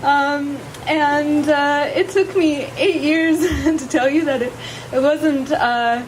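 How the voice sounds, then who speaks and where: A woman saying her wedding vows as a bride, halting, giggly and emotional, at a live ceremony. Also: high voice, fairly even intonation, low-quality recording. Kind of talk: personal wedding vows spoken to partner. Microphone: handheld or shared event microphone. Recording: live ceremony with audience noise.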